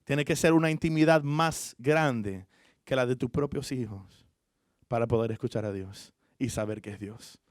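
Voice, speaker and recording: A man preaching a conversational sermon in church, swinging from soft asides to emphatic peaks. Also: mid-range voice, normal speed, no room sound, studio quality. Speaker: pastor.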